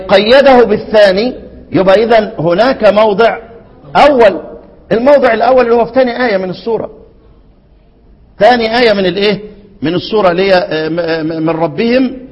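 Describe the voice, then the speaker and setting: A man with an Egyptian accent teaching a classical text, often pausing to ask his students to supply the next word. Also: sits high, darkish tone. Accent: Egyptian Arabic. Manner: keeps asking students to fill in words. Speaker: Quran recitation teacher. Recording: dull, reverberant hall recording.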